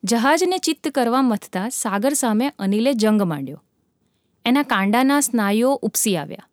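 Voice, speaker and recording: A woman narrating a dramatic sea story with a vivid, measured reading. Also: on the high side, animated, no echo, clean studio sound.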